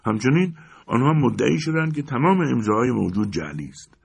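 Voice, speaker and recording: A man narrates a story in a gravelly, somewhat husky voice. His pitch swings widely, and he climbs sharply higher and louder whenever he voices the shouting crowd. The reading is dramatic and performed. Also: big pitch swings. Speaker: audiobook narrator.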